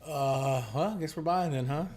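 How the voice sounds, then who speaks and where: A man co-hosting a live trading stream, chatting casually and thinking out loud in relaxed banter. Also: fairly high pitch, moderate pace, slight background noise. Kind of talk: casual chat while trading.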